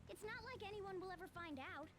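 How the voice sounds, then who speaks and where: A woman's voice: extremely high pitch, fairly quick. A woman playing a snippy, impatient character in a video game.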